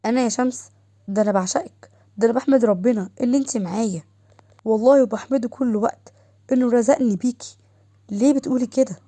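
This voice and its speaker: A tender, devoted husband with an Egyptian accent, as a woman storyteller puts him on. He soothes in a mellow, quick-paced voice. A storybook narration. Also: a little high, no echo, clean studio sound, natural voice. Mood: soothing. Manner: soothing, affectionate.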